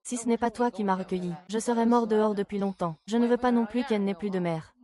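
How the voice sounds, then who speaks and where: A woman's voice: medium pitch, fast talker, lightly acted. A woman dubbing dialogue for a family drama with an emotional delivery. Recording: loud crowd noise behind.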